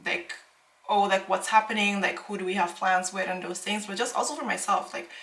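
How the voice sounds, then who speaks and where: A woman's voice: medium pitch, a little fast, gravelly, a bit bright. Chatty young woman vlogging in an echoey room. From Netherlands. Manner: chatty, rambling, self-correcting. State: out of breath at times. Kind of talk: casual vlog talk to camera. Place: home indoors.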